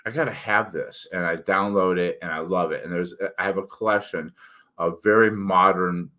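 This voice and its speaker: A man's voice: sits low, fairly even intonation, moderate pace, sharp tone. A middle-aged man with thick, slightly slurred, tongue-heavy articulation, giving a candid, rambling, self-deprecating monologue as an author hosting his own channel.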